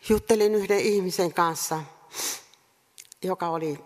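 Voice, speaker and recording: A woman preaching a sermon earnestly, repeating rhetorical questions and pausing between phrases. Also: on the low side. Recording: reverberant hall sound.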